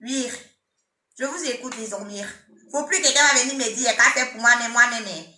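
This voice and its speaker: A woman's voice: on the high side, normal speed, sharp tone, roomy sound. A woman with an Ivorian French accent chatting on a live stream, teasing and playfully scolding her commenters. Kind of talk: casual live-stream chat.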